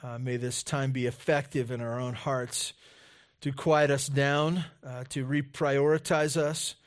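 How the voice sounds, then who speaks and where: A male pastor delivers a sermon into a pulpit microphone in a church sanctuary. He takes his time, speaking in an earnest, unhurried way at a middling pitch. He moves between his own reflections, scripture reading and prayer. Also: flat delivery.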